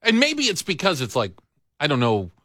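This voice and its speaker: Animated bright-voiced male radio host. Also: a little high, moderate pace, no echo, studio quality. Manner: joking, animated, teasing. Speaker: radio talk show host. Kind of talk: casual chat.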